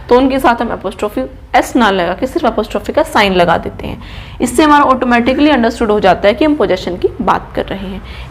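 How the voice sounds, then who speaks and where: A woman who is an English trainer, teaching a classroom grammar lesson step by step and checking in with her class after almost every point. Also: on the high side. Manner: explains step by step and keeps checking with "ठीक है?"; poses questions to the class, then answers them herself.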